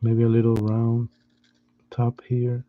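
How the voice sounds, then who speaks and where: A man giving a step-by-step drawing lesson in a patient, soft-spoken way, often restarting his sentences. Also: mid-range voice, completely flat delivery, slow pace, phone-quality sound. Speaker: art teacher.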